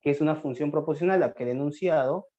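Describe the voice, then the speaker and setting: A male math teacher, giving a classroom lecture on logic, asking his students questions and answering them himself, and slowing down to dictate. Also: a little high, warm tone. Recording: dull lo-fi sound.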